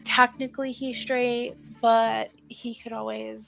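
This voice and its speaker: A woman's voice: fairly high pitch, flat delivery, unhurried, vocal fry, fairly bright tone, dull audio, faint music behind. A woman hosting a writing livestream, chatting casually, rambling with fillers and giggles, and sleepy. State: sleepy, yawning. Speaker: livestream host.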